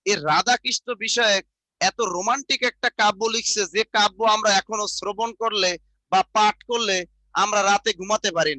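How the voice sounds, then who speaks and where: A man with a Barishal Bengali accent gives an online exam-prep lecture, repeating points slowly so students can write them down and adding chatty asides. His voice sits high with a sharp tone, and there is no room sound.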